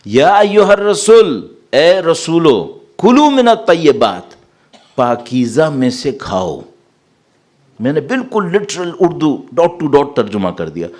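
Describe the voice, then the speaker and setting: A man giving a sermon as a cleric, explaining verses and asking his listeners rhetorical questions. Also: on the high side. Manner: lively, rising sharply when reciting Arabic verses; asks the audience rhetorical questions. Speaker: Shia cleric.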